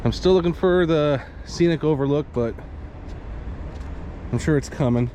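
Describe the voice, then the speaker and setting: A man's voice: on the high side, normal speed, mellow, slight background noise. A man with a Midwestern American accent, chatting casually and rambling with chuckles as he hikes a wooded trail, a little out of breath. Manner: rambling, chuckling, hedging with fillers. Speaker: hiking vlogger. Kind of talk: casual vlog narration while hiking. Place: outdoors on a wooded hiking trail.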